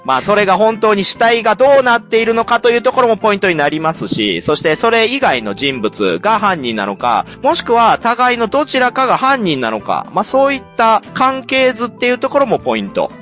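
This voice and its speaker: Animated man with a lively high voice. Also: a little fast, hardly any pauses, soft background music. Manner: enthusiastic, animated, teasing. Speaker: host. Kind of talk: casual chat reviewing a game.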